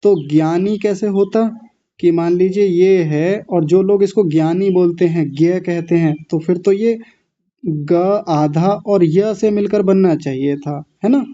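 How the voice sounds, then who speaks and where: This man's voice is high and mellow, his pace measured, as he teaches pronunciation online. He breaks words into syllables and corrects students patiently, heard through a somewhat muffled microphone.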